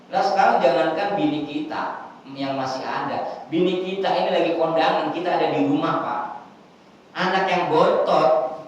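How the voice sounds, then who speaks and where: A man giving a humorous, animated religious lecture to a congregation, acting out little scenes as he goes. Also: fairly high pitch, normal speed, muffled recording, a little hiss or hum. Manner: animated, jokey, acts out scenes. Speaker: preacher. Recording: echoey hall from far off with faint ambience.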